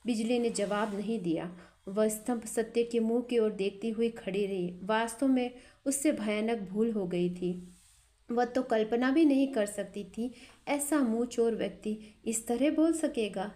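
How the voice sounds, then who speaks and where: A woman storyteller reading a classic literary story aloud in a measured way. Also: on the high side, dark tone.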